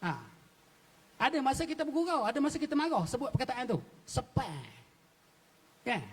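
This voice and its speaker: A man's voice: extremely high pitch, lively intonation, fast talker. A man gives an explanatory forum talk on local dialect words. He quizzes the audience and chuckles often. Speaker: panel speaker on local dialect.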